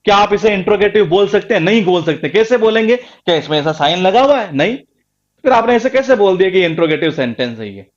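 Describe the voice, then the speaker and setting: A man's voice: high voice, animated, fast talker, lo-fi sound. A man teaching a grammar class, emphatic and repetitive, quizzing his students again and again. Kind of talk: live online class lecture.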